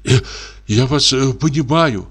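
A man's voice: medium pitch, measured pace, fairly bright tone, husky, pitched above the performer's own voice. A man voicing a poor young technician who mumbles and stammers hesitantly. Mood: flustered. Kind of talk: audiobook character reading.

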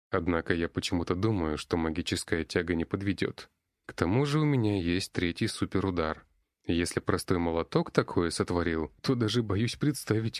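Brief: low male audiobook narrator, first-person fantasy, wry delivery, dry close recording. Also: dry recording. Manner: wry, conversational.

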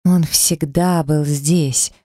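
A storyteller voicing a playful young female snow witch who teases and gets excited. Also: medium pitch, very slow, no room sound, studio quality. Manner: teasing, excited.

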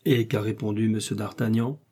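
A man's voice: on the low side, fairly even intonation, moderate pace, vocal fry, warm tone, slightly rough. A man voicing a stern, suspicious police commissioner who interrogates in a storybook reading.

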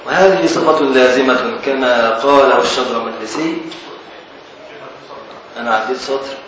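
A mid-range male voice at normal speed, a bit bright, explains classical legal texts with an Egyptian Arabic accent, firing questions at students and teasing them along the way. The audio is dull and very reverberant, picked up far from the mic with faint hiss.

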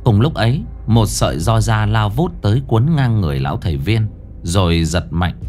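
A man with a low voice narrates a ghost story, his delivery lively and full of swings in pitch. Faint music runs underneath. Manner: animated, expressive.

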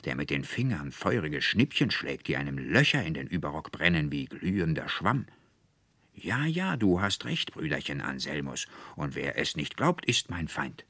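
A tipsy middle-aged clerk, boisterous and blustering over his drink, as a man puts him on. The deep voice is close and dry. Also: very animated, moderate pace, pushed and bright, no room sound, heavily acted.

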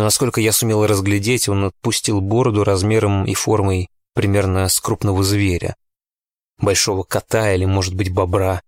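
A man narrating a novel in the first person in a steady, tense storytelling manner. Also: low-pitched, no room sound, studio quality. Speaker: audiobook narrator.

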